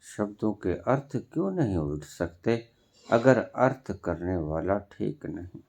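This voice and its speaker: A man with a Punjabi accent delivering a sermon at an unhurried pace, letting long pauses hang between phrases. His pitch swings widely, rising sharply on stressed words and dropping low again. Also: big pitch swings, gravelly, darkish tone. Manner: slow, deliberate, with emphatic pauses and rising stresses. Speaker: spiritual teacher.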